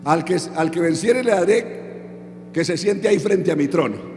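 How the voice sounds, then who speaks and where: A man's voice: sits high, expressive, normal speed, a little mellow. A man preaching a sermon who keeps asking the audience questions and then answers them himself. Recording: echoey hall with music underneath.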